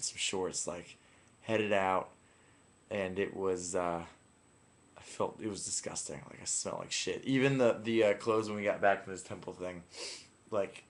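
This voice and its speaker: A young man casually telling a rambling, profane story from a weekend trip, full of fillers. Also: low-pitched.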